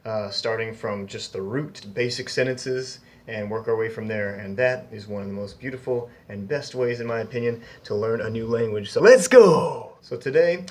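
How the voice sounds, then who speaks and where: A young man hosting a casual beginner Japanese lesson, chatty and upbeat, slowly repeating each new word for learners. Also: lowish voice, fairly even intonation. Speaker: Japanese language teacher, channel host.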